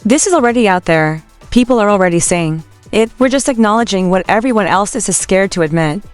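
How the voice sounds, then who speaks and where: A woman reading as a calm, firm man. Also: mid-range voice, a little fast, clear, resonant tone, no room sound, soft background music, lightly acted. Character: calm but firm man backing his partner.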